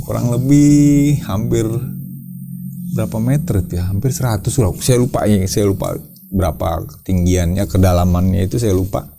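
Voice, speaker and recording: A man who leads a caving team, telling his story to an interviewer in a casual, lively way, repeating his words and acting out shouts. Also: on the low side, moderate pace, creaky, faint music behind.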